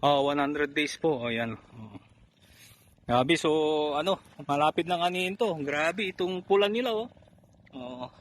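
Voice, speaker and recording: A man's voice: on the high side, a little slow, pauses often. Breathless man touring a hot field. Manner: excited, keeps pointing out crop size. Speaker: fertilizer promoter. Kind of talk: field promo vlog. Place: onion field outdoors.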